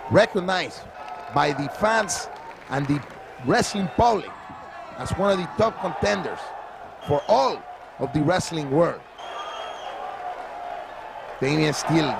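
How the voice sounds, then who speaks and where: A man's voice: fairly high pitch, creaky. A man giving emphatic play-by-play wrestling commentary, heard from a worn VHS tape copy. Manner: emphatic, repeats "ladies and gentlemen". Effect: worn VHS tape copy with hiss. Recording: worn tape hiss over loud arena crowd. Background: cheering wrestling crowd.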